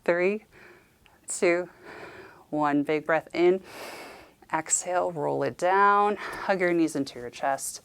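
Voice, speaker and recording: A woman's voice: on the low side, slow pace, long pauses, clear, resonant tone. A woman Pilates instructor leading a guided workout, cueing movements and counting down reps while she exercises along.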